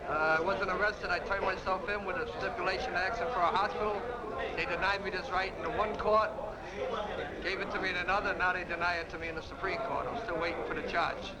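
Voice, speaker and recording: Male detainee interviewee, high voice, quick short statements, loud crowd behind. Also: fairly even intonation, poor audio. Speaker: jail detainee being interviewed. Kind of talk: spontaneous interview testimony.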